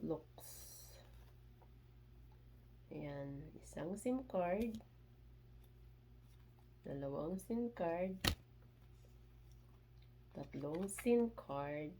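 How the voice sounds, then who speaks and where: A woman unboxing a parcel in a casual vlog, chatty and excitable, with little squeals of delight and mixed English phrases. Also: low-pitched, very slow, pauses often, background noise. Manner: excitable, squeals and laughs between items; mixes Tagalog and English, chatty. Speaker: vlogger.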